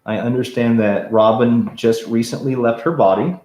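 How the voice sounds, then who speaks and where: A man's voice: medium pitch, normal speed, darkish tone. A man hosting a live spirit box session, talking to a ghost in short, polite, earnest questions and requests. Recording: echoey room sound.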